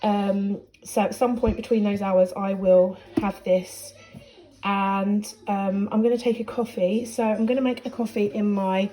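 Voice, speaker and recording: A woman's voice: medium pitch, steady tone, unhurried, mellow. A woman chatting upbeat to the camera in a casual vlog, talking from her home kitchen. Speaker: vlogger.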